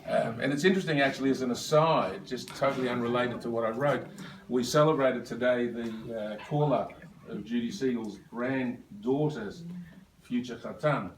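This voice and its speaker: A man's voice: mid-range voice, moderate pace, slight background noise. A man, giving an anecdotal speech at his birthday lunch. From Australia. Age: 70s. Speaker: birthday speaker. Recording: echoey room, voice from far off.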